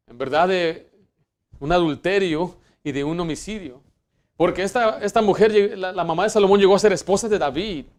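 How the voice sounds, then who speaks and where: A man preaching a sermon as pastor, emphatic and full of restarts, swinging between loud points and quiet asides in a church. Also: high-pitched. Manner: emphatic preaching, rising for Bible quotes and dropping to hushed asides; fillers and restarts.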